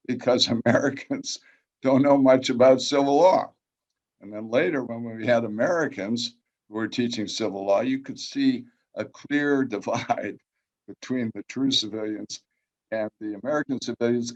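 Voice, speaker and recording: A man giving a conference talk over a video call, folksy and rambling, telling anecdotes. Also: mid-range voice. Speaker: conference speaker. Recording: muffled, lo-fi video call audio.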